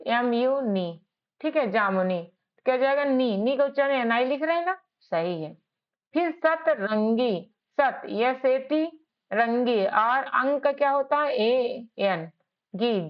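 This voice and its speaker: A woman teaching basic spelling, sounding words out letter by letter and checking in often with "ok". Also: on the high side. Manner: checks in with "ok" and "theek hai". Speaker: English teacher. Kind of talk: slow spelling lesson. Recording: dull lo-fi sound.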